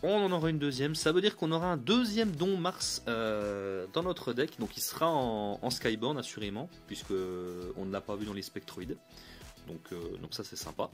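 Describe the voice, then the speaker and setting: A man's voice: medium pitch, normal speed, faint music behind. A man giving a casual, upbeat card review. He talks in a chatty way, often restarts mid-phrase and chuckles lightly.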